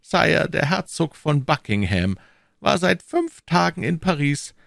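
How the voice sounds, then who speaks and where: A man's voice: a little high, sing-song, measured pace, gravelly, fairly bright tone, dry recording, studio quality, voice pushed up, exaggerated voice. A man voicing a scheming older male cardinal who speaks in a sly, ingratiating courtly way.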